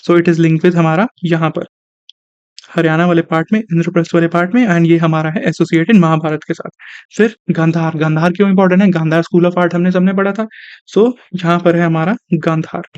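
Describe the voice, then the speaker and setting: A man's voice: fairly high pitch, steady tone, a little fast, darkish tone, smooth, dry recording. A young male teacher gives an online exam-prep lecture, mixing Hindi with terms and asking and answering his own questions. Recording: dry, slightly dull recording.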